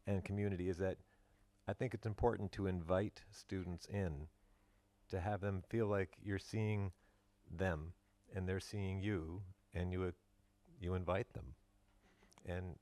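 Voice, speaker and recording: A man on an education panel speaking earnestly about teaching, halting and repeating as he thinks. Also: sits low, a little mellow, no echo. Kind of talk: conference panel talk.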